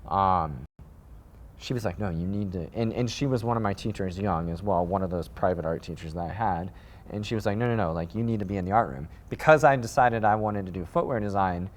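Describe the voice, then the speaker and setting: A man in his thirties from the American Midwest, a sneaker designer telling his story in a casual interview, rambling and animated, with lots of fillers and restarts. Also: sits low, fairly quick. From Midwest United States.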